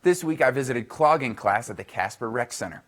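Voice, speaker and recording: A man reading a scripted sports segment for a local news broadcast, in a brisk, upbeat newsreader delivery. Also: medium pitch, animated. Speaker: sports reporter.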